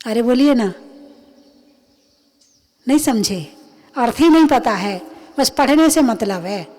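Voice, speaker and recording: High-voiced woman preaching slowly. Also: lively intonation, darkish tone. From India. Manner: slow, emphatic, asks and answers her own questions. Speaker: Jain nun preacher. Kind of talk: sermon. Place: recorded during a religious discourse.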